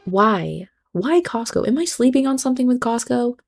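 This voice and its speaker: A woman's voice: on the high side, animated, normal speed, vocal fry, darkish tone, soft background music. A woman hosting a reaction video, giving blunt, sarcastic commentary. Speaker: host.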